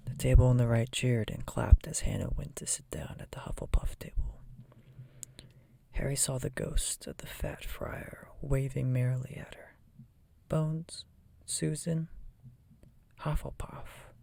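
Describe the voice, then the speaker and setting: A person reading a children's fantasy novel aloud in a soft, breathy ASMR whisper. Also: medium pitch, measured pace, no room sound. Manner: soft whisper, often voiceless.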